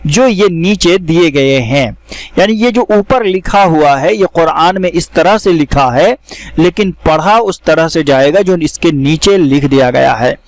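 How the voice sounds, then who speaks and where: High-voiced man teaching slow recitation. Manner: explains each word, then recites it slowly and drawn out. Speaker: Quran reading teacher. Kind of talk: step-by-step recitation lesson.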